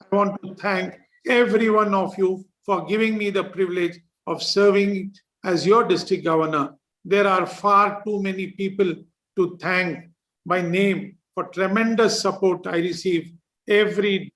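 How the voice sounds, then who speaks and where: A man with a notably high-pitched voice delivers a formal ceremonial address. He reads a prepared speech in a measured, dignified way, as a district governor speaking to club members. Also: a bit bright, poor audio.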